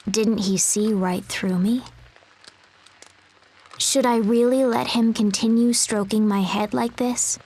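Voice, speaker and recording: A woman voicing a timid little animal who poses as a girl, narrating a game story in a soft, measured way. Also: fairly high pitch, breathy edge, full character voice, rough recording.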